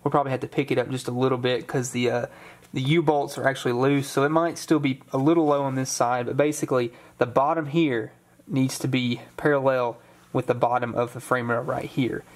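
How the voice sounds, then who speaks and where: A man's voice: medium pitch, brisk. Young man explaining car repair. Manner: relaxed, explanatory, with corny jokes. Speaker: car restoration vlogger. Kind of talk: hands-on how-to narration. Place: home garage.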